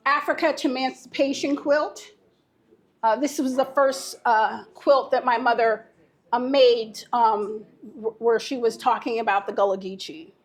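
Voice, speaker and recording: Higher-voiced woman guiding a tour. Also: fairly even intonation. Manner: halting, explanatory, often pausing mid-phrase. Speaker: museum guide. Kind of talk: informal guided tour explanation.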